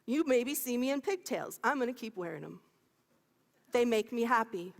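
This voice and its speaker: A woman minister in her fifties preaches with a high, lively voice that swoops up and down. She is playful and quick to laugh, throwing questions out to the congregation. Her words ring out with a long reverb through a large sanctuary. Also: creaky. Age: 50s. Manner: animated and playful, laughing often, calling out to the congregation. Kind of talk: sermon. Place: church sanctuary.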